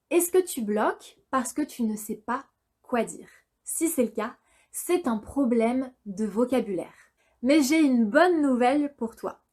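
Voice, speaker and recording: A young woman teaches French in a slow, deliberate way. She repeats each example phrase so learners can copy it. Her voice sits a little high for a woman. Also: a little mellow, husky. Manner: speaks slowly and carefully, repeats model phrases for learners. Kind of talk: slow, clear language lesson.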